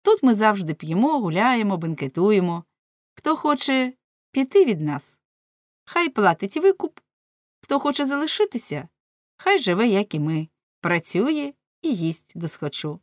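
A woman voicing a bold, merry male rebel sea captain in an audiobook, speaking in a rousing, declamatory way, higher and louder than her narration. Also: sing-song, measured pace, dry recording, clean studio sound.

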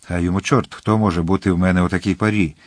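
Reserved veteran swordsman, grave, low voice, read by a male narrator. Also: fairly even intonation, rapid-fire, no room sound, studio quality. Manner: restrained, grave.

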